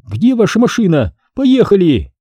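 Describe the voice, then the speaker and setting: A man reading an audiobook voices a pushy woman trader who shrieks, begs and snaps in a high, strained voice. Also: huge pitch swings, measured pace, warm tone, breathy edge, no echo, heavily acted. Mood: snapping. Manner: shrill, pleading and bossy.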